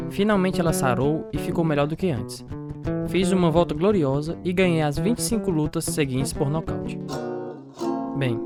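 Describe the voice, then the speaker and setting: The voice is natural and a little high. It belongs to a Brazilian-accented actor narrating in the first person as an earnest, devout boxer and young father in a reflective radio drama, accompanied by guitar music.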